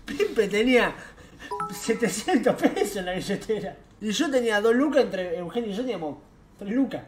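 Young argentine dude spinning a party story, high voice, lots of slang and laughing, faint room hum behind. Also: male voice, moderate pace. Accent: Argentine Rioplatense Spanish. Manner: animated, slangy, laughs as he tells it. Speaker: streamer telling an anecdote. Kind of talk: casual storytelling.

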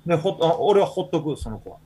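A man's voice: on the high side, animated, fast, mellow, a little hiss or hum. A man with a Kansai accent, hosting a podcast in casual chat, telling rambling stories full of fillers. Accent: Kansai Japanese. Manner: rambling storytelling with many fillers. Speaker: podcast host.

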